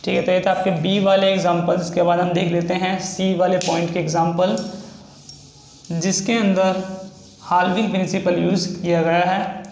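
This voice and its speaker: A man teaching a shorthand lesson, slowly spelling out words stroke by stroke. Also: high-pitched, little pitch movement, darkish tone, echoey room. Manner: slow, stretches out words as he spells them. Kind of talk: explaining a lesson.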